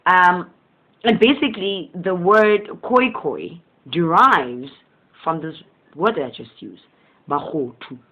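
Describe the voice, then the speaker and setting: Here the host of a motivational channel talks slowly and expressively at medium pitch, offering a relaxed spiritual monologue through thin, phone-like audio. His native tongue is Southern Sesotho. He rambles, chuckles frequently, and comes across as earnest and gentle.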